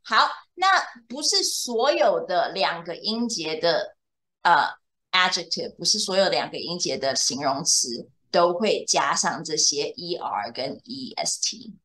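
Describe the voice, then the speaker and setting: An English tutor teaches a young student individually in a bilingual lesson, explaining with patience and checking in often. Her lowish voice has lively intonation, a slightly slow pace, and a pushed, bright quality.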